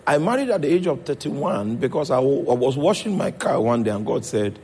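A man's voice: medium pitch, very animated, fairly quick, darkish tone, slight background noise. A man with a Nigerian accent preaching a sermon as pastor, checking in with his congregation as he goes.

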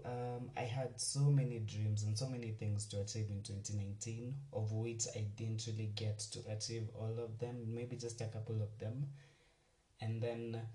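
A man, hosting a casual solo podcast, chatty and rambling as he talks warmly to his listeners. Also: fairly low pitch. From Kenya. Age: 20s. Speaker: podcast host. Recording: roomy, distant mic, faint music.

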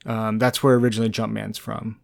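A man's voice: on the low side, little pitch movement, fairly quick, creaky, darkish tone. A man co-hosting a casual gaming podcast, laid-back and rambling, often laughing. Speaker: podcast co-host.

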